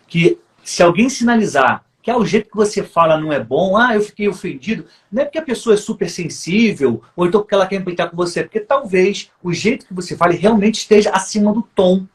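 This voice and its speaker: A man's voice: sits high, animated, fast talker, few pauses. A man hosts a casual faith conversation and explains things patiently, like a teacher. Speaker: host.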